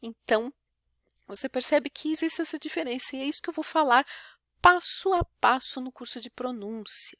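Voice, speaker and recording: A woman with a São Paulo Brazilian accent gives an online French pronunciation lesson in a high, bright voice. She explains patiently, keeps asking "né?" and slows down to model each sound. The recording is close and dry, with no room echo. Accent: São Paulo Brazilian Portuguese. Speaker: French teacher.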